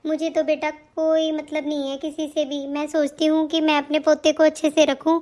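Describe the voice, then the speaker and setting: A put-upon, self-pitying older mother-in-law from a home comedy sketch, played by a woman. She grumbles and complains in a very high voice. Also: level tone, moderate pace, darkish tone, lightly acted. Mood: pleading.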